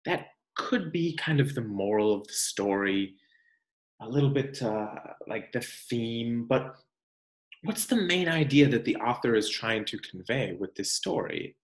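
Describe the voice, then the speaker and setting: In an echoey room, a man with a mid-range voice reads a picture book aloud to children the way a teacher would. He is expressive and deliberate, pausing for emphasis and asking guiding questions.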